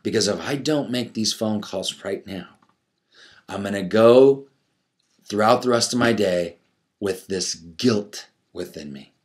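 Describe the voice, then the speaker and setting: With a fairly low voice and a slightly slow delivery, a man coaches an audience in a conversational motivational talk. He hammers phrases through repetition, throws out rhetorical questions, and voices his own inner self-talk.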